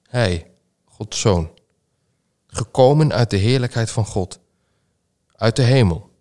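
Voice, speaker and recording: A man reading scripture and giving a sermon meditation in a slow, measured, solemn way. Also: medium pitch, lively intonation, warm tone. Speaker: preacher.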